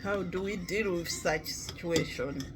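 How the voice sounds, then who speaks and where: A man from Malawi, talking slowly and reflectively in a casual vlog, with many pauses and fillers. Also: high voice, music in the background, rough recording. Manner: halting, many pauses and "you know" fillers, clears throat often. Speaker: vlogger.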